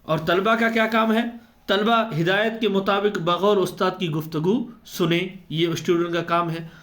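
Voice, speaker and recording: A man's voice: high voice, fairly even intonation, fairly bright tone. A man giving an exam-prep lecture, who explains step by step and answers his own questions. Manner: slows down to spell out letter sounds. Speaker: teacher.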